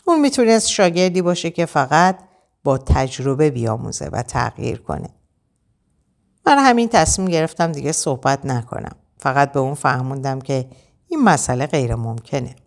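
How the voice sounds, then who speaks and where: A woman's voice: a bass voice, lively intonation, gravelly, a little mellow. A woman narrating a novel in the first person, earnest and firm. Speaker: audiobook narrator.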